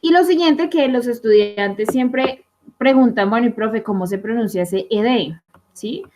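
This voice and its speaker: A young adult woman teaching English grammar in an online class, explaining step by step and often pausing to ask her students whether they follow. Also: a little high, darkish tone, a little hiss or hum. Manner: explanatory, asks rhetorical checks like "¿listo?" and "¿sí?".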